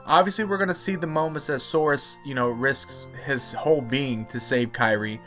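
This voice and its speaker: A young man giving casual video-game commentary as a YouTuber. He rants with passion and gets louder and higher when he is annoyed. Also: normal speed. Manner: passionate, ranting, swings loud and high when annoyed. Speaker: gaming YouTuber. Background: faint music.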